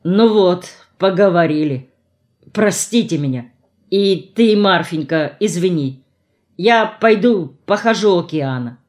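A woman's voice: on the low side, lively intonation, a little slow, darkish tone. Woman reading a despairing young man. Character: despairing young man, usually calm and reserved.

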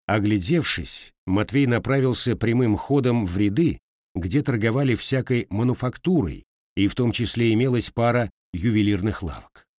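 A man's voice: lowish voice, expressive, moderate pace, darkish tone, dry recording, clean studio sound. A man reading a historical novel aloud as an audiobook narrator, giving the characters their own slight voice changes.

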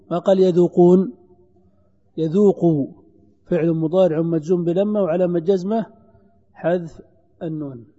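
Higher-voiced man teaching grammar in a hall. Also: warm tone, breathy edge. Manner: explains patiently, repeats examples, asks the students questions. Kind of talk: classroom lesson. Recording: dull lo-fi lecture recording in a reverberant hall.

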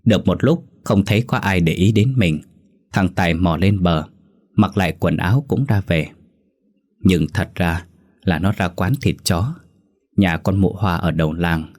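A man telling a rural ghost story in an even, storytelling voice. His voice is notably deep. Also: a little slow. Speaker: narrator.

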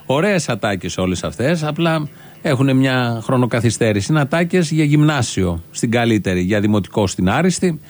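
A man's voice: medium pitch, very animated. Sarcastic male satire host. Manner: sarcastic, scornful, rhetorical questions. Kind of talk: sarcastic political commentary.

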